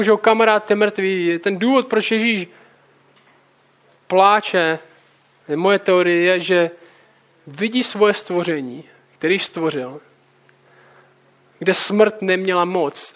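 Male preacher, high-pitched, alternates Bible reading with relaxed everyday commentary. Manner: reads scripture, then comments casually.

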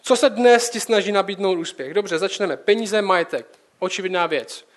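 Young guy with a high voice doing a chill sermon, keeps asking the listener questions. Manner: conversational, direct address with rhetorical questions. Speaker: preacher.

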